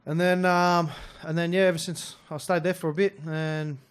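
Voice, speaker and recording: A young Australian man in his twenties, a rugby league player talking as a guest, soft-spoken and halting, with many fillers and restarts. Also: a little high, flat delivery, clean tone. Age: 20s. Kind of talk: casual interview chat.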